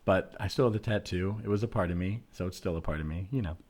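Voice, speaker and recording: In a comedy sketch, a man improvises an earnest, easygoing tattooed nature enthusiast, speaking haltingly and repeating words as he hunts for phrasing. His voice sits low with a darkish tone, and his mood is sheepish and matter-of-fact.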